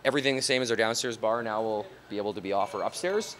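Talking at a quick pace, a bar owner in his thirties chats casually for an on-site interview in a lowish, fairly bright voice, leaning on fillers such as "um" and "you know." The setting moves from an outdoor street to the inside of a large bar and bowling hall, captured with a handheld reporter mic.

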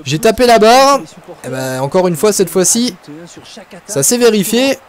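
Man, high-pitched voice, casual gameplay commentary, chatty, excitable, gaming video host. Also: a little slow. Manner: chatty, excitable, thinking aloud.

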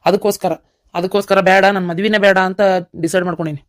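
Someone voicing a quick earnest village youth. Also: mid-range voice, fairly even intonation, natural voice. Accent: North Karnataka Kannada. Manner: earnest, stubborn. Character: young man determined to become a soldier. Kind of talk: cartoon voice acting.

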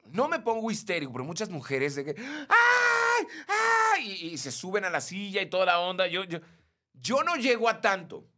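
Mexican man, live stream host, lively bright voice, chatty and animated. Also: on the high side. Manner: animated, greets viewers by name, mimics shrieks. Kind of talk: casual live chat reading comments.

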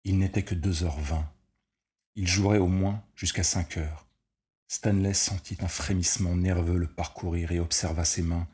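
A reader with a deep, low voice narrates a short story aloud. He keeps a measured, steady delivery at the even pace of an audiobook.

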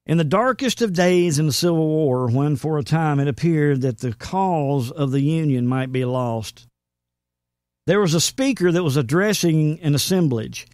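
Man, preacher-host, earnest emphatic sermon, slightly high voice, dry close sound. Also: a little mellow, dry recording. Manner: earnest, emphatic, quotes scripture. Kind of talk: sermon-style commentary.

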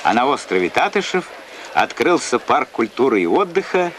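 A man's voice: medium pitch, very animated, moderate pace, fairly bright tone. A man narrating an old Soviet newsreel from a script, with a formal announcer's delivery. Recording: noisy 1980s archive newsreel soundtrack.

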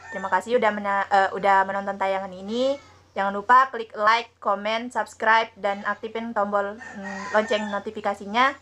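A woman's voice: medium pitch, bright, forceful tone, slight background noise. A young woman hosting her own vlog, chatty, asking her mother questions and talking straight to her viewers. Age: young adult. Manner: chatty, asks questions and addresses viewers directly. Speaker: vlogger host. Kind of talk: casual vlog chat.

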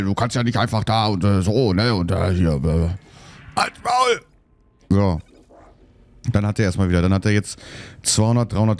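A let's play host chats casually during gameplay, muttering to himself and getting irritated easily. His voice is fairly low in pitch and mellow, in the style of casual gameplay commentary.

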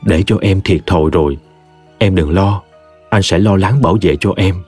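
A man voicing a faithless husband speaking softly and coaxingly. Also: sits low, moderate pace, slightly rough, soft background music. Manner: soft, coaxing. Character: smooth-talking adulterous husband, soothing.

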